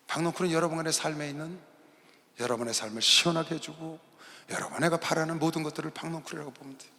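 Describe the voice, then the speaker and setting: A male pastor preaching a sermon, dramatic and swinging between loud bursts and quiet asides, in a large arena hall. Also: a little high, fairly even intonation, fast. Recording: long arena hall reverb.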